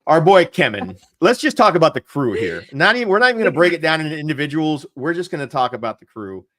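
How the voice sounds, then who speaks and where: A man's voice: on the high side, very animated, fast, fairly bright tone. A man co-hosting a casual chat show, rambling and candid with lots of fillers, laughing often as he talks. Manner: laughs often while talking. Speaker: co-host.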